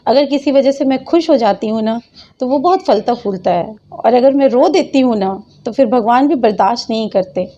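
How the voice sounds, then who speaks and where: A woman's voice: on the high side, animated, moderate pace, warm tone, dull audio. A woman vlogger in her thirties, talking in an emotional, devotional monologue that keeps repeating itself. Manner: repetitive, impassioned, devotional.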